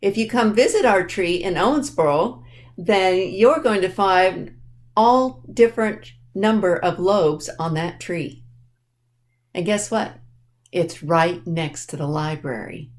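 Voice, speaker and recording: A woman takes her time, speaking in a voice on the low side as she reads a picture book aloud at a children's library storytime. She talks directly to the young audience and keeps her explanations simple.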